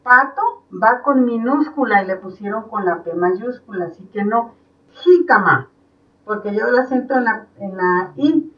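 Patient Mexican teacher, slow and clear. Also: female voice, a little high, animated, far from the mic. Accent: Mexican Spanish. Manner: slow, patient, explaining step by step. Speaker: primary school teacher. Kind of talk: online class for young children. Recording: dull sound from off the mic.

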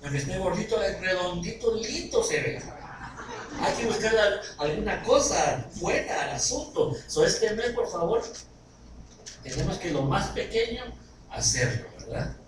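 A man preaching a sermon, animated and often asking his congregation questions. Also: high-pitched, a little slow. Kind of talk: sermon with anecdotes and jokes. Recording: echoey hall recorded from far off, noisy.

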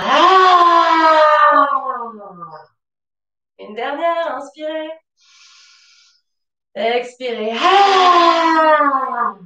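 Calm high-voiced woman guiding yoga. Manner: slow, calm spoken cues with pauses. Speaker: yoga teacher. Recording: roomy, from a distance. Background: soft music.

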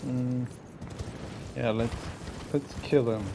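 A man's voice: medium pitch, steady tone, takes it slowly, background noise. A man giving casual, offhand commentary while playing a game, often correcting himself and muttering. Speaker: gameplay streamer.

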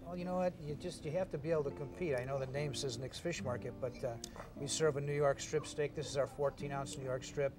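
A man's voice: steady tone, fast talker. A middle-aged man, a restaurant manager chatting easily on camera about his place, with many fillers. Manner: easygoing, filler-heavy host-style pitch. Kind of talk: on-camera interview. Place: restaurant bar and dining room.

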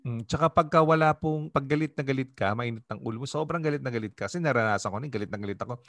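A man serving as pastor, giving a relaxed devotional talk over a video call, often asking "di ba?" and laughing easily. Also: mid-range voice, racing, dry recording. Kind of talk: casual devotional teaching.

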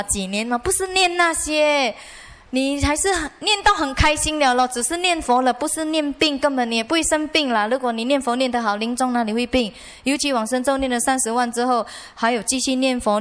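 A woman with a Malaysian Mandarin accent, a Buddhist nun giving a dharma lecture, telling personal stories in a lively way with many chatty sentence-final particles. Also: on the high side. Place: monastery lecture hall.

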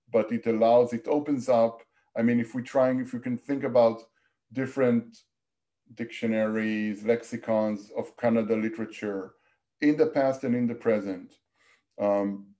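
A middle-aged man giving an online academic presentation in a measured, explanatory and somewhat hesitant manner. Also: medium pitch, warm tone. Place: small indoor room, on a video call.

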